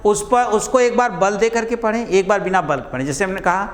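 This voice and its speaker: A male teacher giving a classroom lesson, dictating notes and repeating each phrase slowly for students to write down. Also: high-pitched, long reverb tail.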